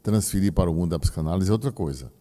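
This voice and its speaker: A man's voice: sits low, lively intonation, rapid-fire, mellow. A priest giving a teaching talk to a group, explaining with folksy asides to his listeners. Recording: long hall reverb.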